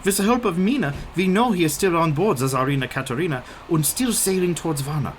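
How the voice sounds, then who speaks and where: A man's voice: a little high, animated, a little hiss or hum, natural voice. Courteous, authoritative old professor played by a man. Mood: insistent. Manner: formal, deliberate, authoritative. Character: old male professor vampire hunter, courteous, determined. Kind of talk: radio play acting.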